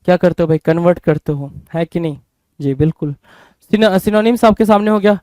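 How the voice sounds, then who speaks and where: High-voiced Indian man drilling vocabulary. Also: fairly quick, darkish tone, no room sound. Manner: asks questions and answers them himself; repetitive, drilling. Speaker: vocabulary teacher. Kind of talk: online exam-prep vocabulary lesson.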